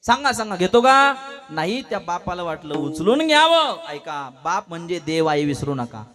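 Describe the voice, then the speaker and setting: A man with a high voice delivers a devotional kirtan sermon. He keeps asking his listeners questions and gives voices to the people in his story. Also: sing-song, normal speed, fairly bright tone. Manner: questions the audience constantly, acts out voices in the story. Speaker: kirtan preacher. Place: kirtan gathering before a live audience.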